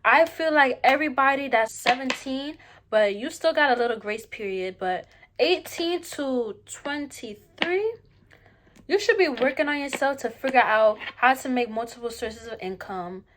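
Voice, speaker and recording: A woman's voice: sits high, lively intonation, moderate pace, background noise. A young woman in a casual opinion monologue to viewers during a mukbang, slangy and emphatic, repeating phrases to drive points home. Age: young adult. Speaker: vlogger.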